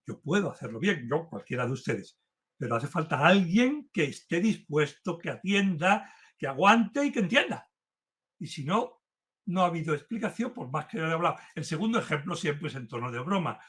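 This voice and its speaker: Emphatic, fairly high-voiced male lecturer. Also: sing-song, moderate pace. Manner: earnest, emphatic, building intensity as he warms up. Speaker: philosophy lecturer. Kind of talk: university-style lecture. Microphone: remote talk to a virtual audience.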